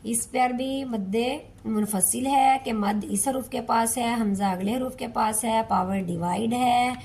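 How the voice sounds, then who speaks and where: A woman's voice: fairly high pitch, darkish tone. Patient woman teaching Quran recitation. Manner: patient, repeats words, stretches recited syllables. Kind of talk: slow step-by-step recitation lesson.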